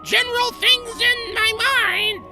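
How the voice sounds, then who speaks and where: A man's voice: very high voice, steady tone, takes it slowly, gravelly, music in the background, voice pushed up, exaggerated voice. A man voicing a dim, clueless young woman from a fantasy game in a mock-naive, silly way.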